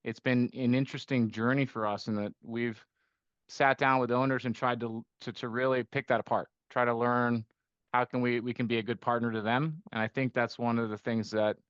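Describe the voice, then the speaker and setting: A man's voice: lowish voice, fairly bright tone, dry recording. Reflective man, dry muffled podcast sound. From Costa Rica. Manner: thoughtful, many restarts and "right?" tags. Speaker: guest, investment firm managing partner. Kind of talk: conversational podcast interview.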